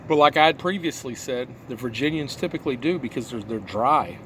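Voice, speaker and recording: A man's voice: medium pitch, lively intonation, a little fast. A man giving a casual, rambling review while puffing on a pipe, musing aloud and asking himself rhetorical questions. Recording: clear background noise, vehicle-like ambience.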